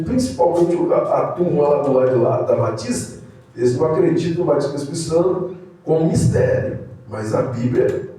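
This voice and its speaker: Brazilian evangelist in a very echoey room. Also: male voice, distant mic. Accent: Brazilian Portuguese. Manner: storytelling, animated, with sudden high exclamations. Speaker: evangelist teaching theology. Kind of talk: informal sermon-style lesson. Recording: very echoey room, speaker away from mic.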